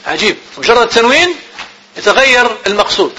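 High quick husky teacher. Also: male voice, very animated, bright, forceful tone, a little hiss or hum, poor audio. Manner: repeats definitions slowly as if dictating; asks questions of students and answers them himself. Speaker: Arabic grammar teacher. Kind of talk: classroom grammar lecture.

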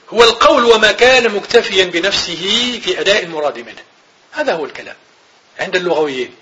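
A man giving a classroom grammar lecture, repeating each definition slowly and checking that students follow. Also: high voice, bright, forceful tone, slight background noise. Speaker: grammar teacher.

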